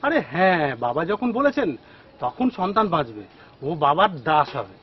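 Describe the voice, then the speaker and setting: An anxious, devoted villager whose high voice keeps pleading and pressing. He speaks eagerly and urgently, leaning on every request. The film audio is dull and lo-fi, with faint noise behind it. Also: wildly swooping pitch, moderate pace. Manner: pleading and eager, calling "baba" often. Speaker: village devotee, expectant father.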